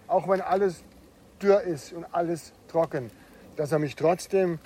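Middle-aged preacher guy, kinda husky and high for a man, goes quiet then loud. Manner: conversational, with tag questions like "ne?" and "ja?"; swings from hushed to emphatic. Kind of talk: sermon with personal anecdote.

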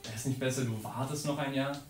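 A young preacher from Saxony delivers an informal, earnest sermon, animatedly acting out the psalm's lines and voices with feeling. His voice is mid-range and quick, picked up by a distant mic in a noisy, echoey room.

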